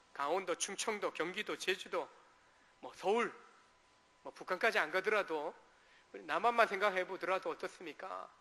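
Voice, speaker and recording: A man's voice: sits high, bright, forceful tone, in a large hall. A male pastor delivering a sermon, asking the congregation rhetorical questions and briefly acting out dialect quotes. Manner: acts out short dialect quotes. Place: church sanctuary.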